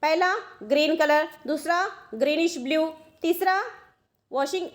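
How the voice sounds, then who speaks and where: A woman's voice: sits high, unhurried. A woman teacher giving a science lesson, explaining step by step, asking questions and answering them herself. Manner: explains step by step, asks and answers her own questions, mixes English terms. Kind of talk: classroom science lecture.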